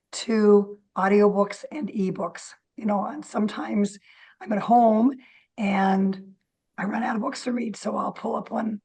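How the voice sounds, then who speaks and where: A woman with a squeaky, thin reedy voice, talking informally and haltingly as a guest explaining local services in an interview. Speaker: interview guest, city library director.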